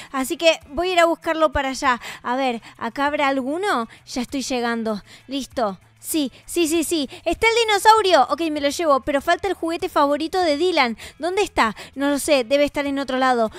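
A woman's voice: sits high, no room sound. A woman with an Argentine accent narrating a game role-play and speaking in a tender, soothing, motherly way. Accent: Argentine Spanish.

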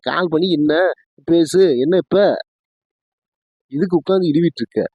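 A patient grown son from a cartoon who hushes and reassures his mother, as a man plays him. His voice is husky and a little high for a man, and the sound is close and dry. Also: moderate pace, dry recording, dull audio. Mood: soothing. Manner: soothing, mildly exasperated.

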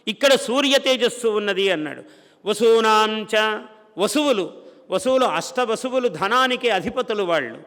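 High bright guy from india giving a religious talk, chants verses then explains, asks and answers his own questions. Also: lively intonation, moderate pace, in a large hall. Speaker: spiritual speaker. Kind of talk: devotional discourse.

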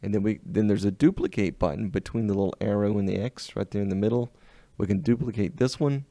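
A man with a Southern US accent giving an unhurried, step-by-step walkthrough of a web design tool in a screen-recorded tutorial. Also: on the low side, warm tone, dry recording.

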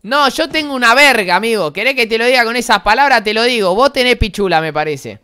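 High, bright-voiced Argentine young man. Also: animated, fast talker, smooth. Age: 20s. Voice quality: high-pitched voice. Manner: teasing, mocking banter. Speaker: gaming streamer. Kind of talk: casual gameplay chat with voice chat.

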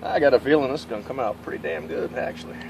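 Middle-aged Southern male vlogger, folksy and easygoing, mid-pitched, camera-mic sound with clear insect noise. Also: very fast. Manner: folksy, relaxed, self-amused. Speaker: cooking channel host. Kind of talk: casual cooking vlog narration. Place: backyard outdoors, then indoors at home. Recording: insects and crickets behind.

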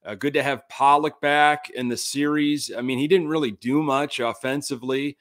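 A man's voice: medium pitch, steady tone, normal speed, a bit bright. 30s guy doing a home baseball podcast, chatty, lots of ums, blunt about bad plays. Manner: conversational, many fillers, frank and critical. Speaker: sports podcast host. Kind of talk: casual sports commentary. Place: home studio room. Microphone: large desk mic on camera.

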